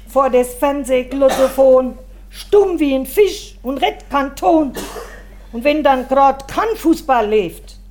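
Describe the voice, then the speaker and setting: High-pitched woman, reciting rhymes slow and wry like a stage comic. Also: a little mellow, slight background noise. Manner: wry rhyming delivery, slow and deliberate. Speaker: comedian. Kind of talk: rhymed comic monologue about her husband.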